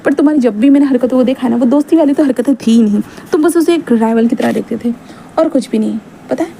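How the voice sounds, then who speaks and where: A woman's voice: high voice, fast talker, creaky, warm tone, slight background noise. A woman voicing a nosy young male friend who teases and coaxes in a knowing way. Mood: teasing. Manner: teasing, coaxing. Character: young man, teasing, nosy, meddling friend.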